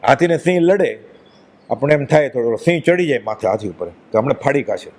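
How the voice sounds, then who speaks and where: A man's voice: medium pitch, expressive, brisk, darkish tone. A man giving a devotional discourse, speaking emphatically and asking many rhetorical questions. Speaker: religious speaker.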